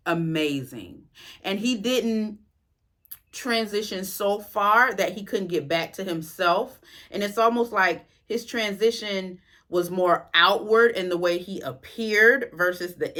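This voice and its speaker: A woman from the US South, reviewing a series as an author in a chatty, expressive way with slangy asides. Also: medium pitch. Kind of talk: casual spoken review.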